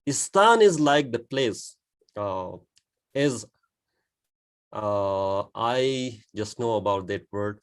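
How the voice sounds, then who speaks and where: A Pakistani man with a Pakistani accent chats casually from his home on a video call as co-host and guest, laughing often and hesitating with many uhs. His voice is low-ish, smooth and animated, and he speaks slowly with long pauses.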